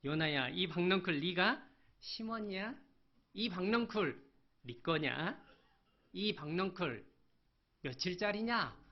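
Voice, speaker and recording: A man's voice: sits high, animated, slow, long pauses, pitched above the performer's own voice, full character voice. A man voicing God as a patient father who asks a sulking prophet a series of probing questions. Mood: questioning. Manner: gentle, probing rhetorical questions. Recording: dull lo-fi sermon recording.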